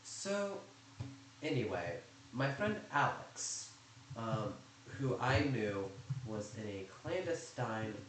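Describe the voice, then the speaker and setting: A man with a fairly low voice rambles through a casual story, chatty and quick with sarcastic asides. His voice bounces around a very echoey room, and faint noise hums underneath. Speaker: YouTuber recounting server drama.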